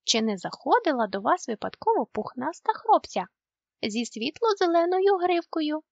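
A woman voicing a brave, eager young male moomin troll in a storybook reading, with excited exclamations. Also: sits high, moderate pace, no echo, highs cut off, pitched above the performer's own voice.

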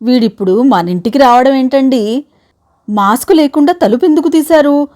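Woman doing a shrill scolding older wife. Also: moderate pace, warm tone, natural voice. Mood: anxious scolding. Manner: sarcastic, scolding, anxious. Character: fretful sharp-tongued older wife, sixties.

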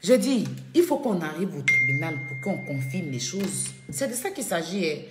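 A woman's voice: fairly low pitch, very animated, normal speed, over loud music. A woman speaking on a live video from her home, indignant and repeating her points with emphasis. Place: at home, echoing room. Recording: echoey room.

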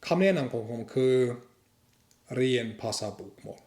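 A man's voice: medium pitch, animated, unhurried, darkish tone. Chatty man teaching in an echoey room. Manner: chatty, corrects own slips with a laugh. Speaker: language teacher. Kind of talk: casual video lesson.

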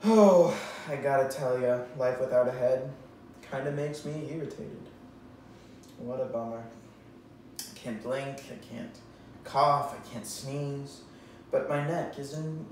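A young man giving a mock-serious dramatic reading, with the hammy, theatrical pauses of a stage actor. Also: mid-range voice, a little mellow. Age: young adult. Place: indoors in a bare, echoey room. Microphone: distant camera microphone. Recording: very echoey room, far microphone, faint noise.

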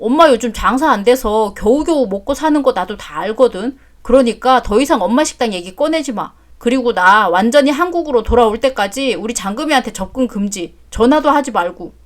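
A woman's voice: fairly high pitch, lively intonation, brisk, hardly any pauses, natural voice. A woman voicing an exasperated adult son who answers his mother curtly in a story drama. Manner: curt, exasperated. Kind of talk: story drama read aloud.

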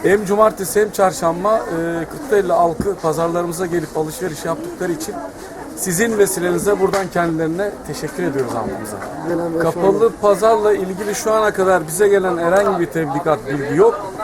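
A man gives a formal, halting statement to the press as a market tradesmen's representative. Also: high voice. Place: outdoor street market. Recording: busy market crowd behind.

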